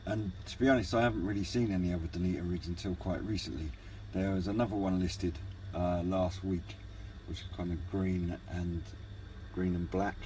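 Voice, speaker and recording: Unscripted, a man with a low, darkish voice walks through a hobby product review at a moderate pace. His intonation is fairly even, and he sounds hesitant, subdued and a little wandering. Shot on a handheld camera, the rough recording has clear background noise.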